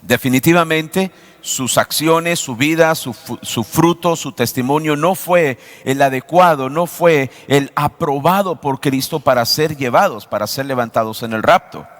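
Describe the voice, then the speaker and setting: A man preaching a sermon as pastor, asking the congregation rhetorical questions and shifting his pace from quick to slow. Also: a little high, in a large hall. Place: church sanctuary.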